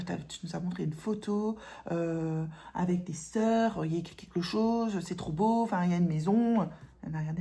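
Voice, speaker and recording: A woman's voice: fairly low pitch, warm tone. A woman chatting casually in a vlog about her embroidery, rambling with many fillers and restarts and sometimes dropping to a whisper. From France. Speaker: cross-stitch vlogger.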